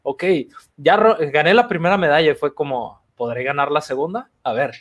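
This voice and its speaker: Mexican guy chatting about his career, relaxed and slangy, kinda high-pitched. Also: brisk, highs cut off. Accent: Mexican Spanish. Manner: relaxed, slangy, animated retelling. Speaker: archery athlete guest. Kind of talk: casual interview storytelling.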